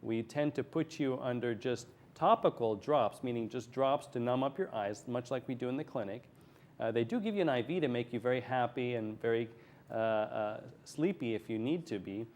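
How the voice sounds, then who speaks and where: Here a man with a darkish, medium-pitched voice talks at a moderate pace as a guest eye surgeon in a TV studio interview. He takes a plain, step-by-step approach, explaining things as a medical expert.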